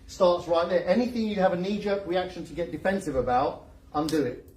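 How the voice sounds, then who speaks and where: A man's voice: sits high, fairly quick. A man giving a motivational seminar talk, joking and firing questions at the audience. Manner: lively, joking, asks the crowd questions. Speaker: seminar speaker. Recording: echoey room recorded from a distance.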